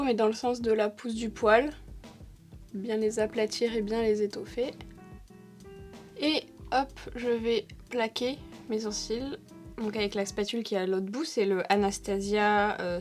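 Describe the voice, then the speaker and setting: A young woman with a slightly high voice chats her way through a makeup tutorial, pausing often to find her words. Faint music plays softly underneath her voice. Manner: chatty, thinks aloud with many fillers. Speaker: beauty vlogger.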